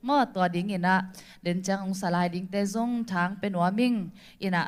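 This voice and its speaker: A woman's voice: medium pitch, steady tone, brisk, clean tone. A woman talking in an easygoing, conversational way during a casual chat.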